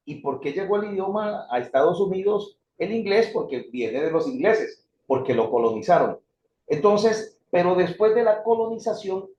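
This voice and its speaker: Man lecturing a class, fairly high voice, roomy echo, dull lo-fi sound. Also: a little hiss or hum. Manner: addresses students as brothers, lively rises and drops. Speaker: theology instructor. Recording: echoey room, dull lo-fi sound.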